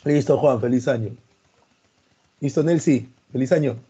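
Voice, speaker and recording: Greeting his students by name, a male history teacher at the pre-university level explains topics in a live online class with familiar, homely examples. His voice is medium-pitched, mellow and slightly rough at a moderate pace, and sounds stern, which he says is just natural for him. Lo-fi sound.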